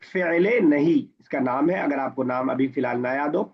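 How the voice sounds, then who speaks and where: A man's voice: medium pitch, moderate pace. A man teaching an Arabic grammar class, patiently explaining and quizzing his students. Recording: dull lo-fi recording.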